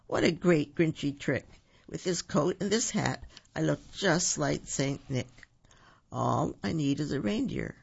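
A woman's voice: low-pitched, animated, a little slow, vocal fry, slightly rough, muffled recording, full character voice. A woman voicing a sour, grumpy Grinch who hates Christmas, snarling through a read-aloud storybook. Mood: gleeful.

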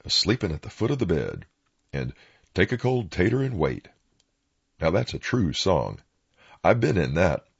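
A slightly dull, lo-fi recording of a man with an Appalachian accent. His voice is low and gravelly, with a raspy grain. He tells folksy first-person stories in plain-spoken country dialect. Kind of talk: folksy first-person oral-history storytelling.

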